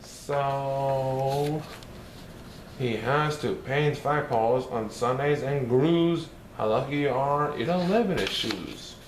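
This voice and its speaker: In a mid-range voice and only lightly acted, a man takes his time voicing a playful, mischievous male cartoon cat. He reads a rhyming storybook in a sing-song, bouncy manner, and the audio carries a roomy echo and faint hiss.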